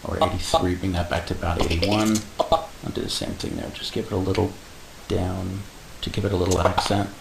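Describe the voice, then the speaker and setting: A man explaining animation software step by step in a casual tutorial, adding little sound effects like "boom". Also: animated, a little fast, creaky. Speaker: animation instructor. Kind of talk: screen-recorded software tutorial. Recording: echoey room with faint hiss.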